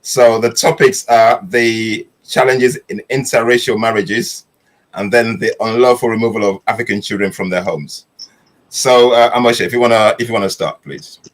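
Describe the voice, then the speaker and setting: A man's voice: lowish voice, fairly even intonation, moderate pace, low-quality recording. A man hosting an online panel, welcoming listeners with emphatic greetings. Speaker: host.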